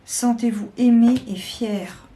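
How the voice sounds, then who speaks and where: A woman giving a slow, deliberate weekly tarot guidance, with frequent pauses and hesitations. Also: fairly high pitch, steady tone, dark tone. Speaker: tarot reader.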